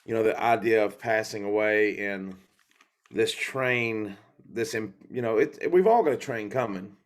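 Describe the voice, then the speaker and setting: A man's voice: lowish voice, moderate pace. A man, a guest singer-songwriter, talking in a loose, rambling storytelling way with fillers and asides. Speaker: guest musician. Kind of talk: live singing and casual interview chat.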